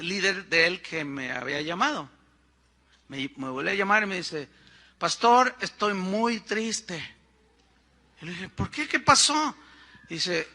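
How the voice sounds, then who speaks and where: Bright high-voiced Mexican pastor preaching. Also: male voice. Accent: Mexican Spanish. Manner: animated, acts out quoted voices, conversational asides. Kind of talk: storytelling sermon.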